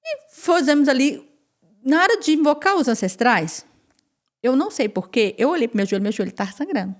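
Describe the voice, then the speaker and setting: A woman guest on a podcast, telling her personal testimony in an animated way, repeating phrases and acting out what others said. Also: high-pitched, fairly quick. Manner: animated, repeats phrases and acts out quoted speech.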